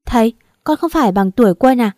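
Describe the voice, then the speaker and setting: A woman's voice: on the high side, animated, brisk, dark tone, no room sound, clean studio sound, lightly acted. A woman reading a chatty motherly older woman. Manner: chatty, fussing, laughing easily. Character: warm talkative middle-aged future mother-in-law.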